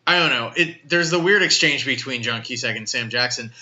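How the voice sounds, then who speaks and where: A man's voice: medium pitch, fairly quick, sharp tone, highs cut off. A man co-hosting a podcast, joking and talking over the others in casual chat. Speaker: podcast co-host.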